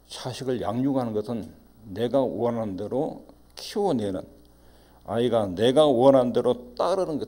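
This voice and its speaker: A man's voice: fairly low pitch, warm tone. A middle-aged male pastor, preaching emphatically and acting out parents in quoted asides. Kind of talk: sermon.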